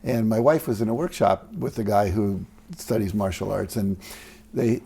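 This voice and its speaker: A male host who affirms the guest's points and thinks out loud while asking his questions. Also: fairly low pitch, normal speed, gravelly, husky. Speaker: interviewer, host. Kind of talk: interview questions.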